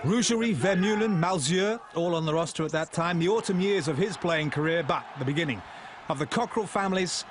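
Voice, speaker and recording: A man's voice: a little high, fairly quick, noisy background. A man narrating a sports feature as scripted voice-over, with a wry, playful delivery and dry asides. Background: music bed.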